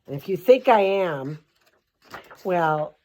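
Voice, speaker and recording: A woman's voice: lowish voice, lively intonation, slow pace, dark tone. An older woman reading a children's book aloud and breaking off into sarcastic, rambling asides with mild swearing. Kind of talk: comic storybook commentary.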